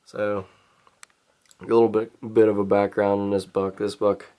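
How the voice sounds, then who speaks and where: A man's voice: on the low side, level tone, measured pace, dark tone, smooth. A man telling a story in a casual vlog, rambling with lots of filler words. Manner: rambling, many "um" and "pretty much". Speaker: hunting vlogger.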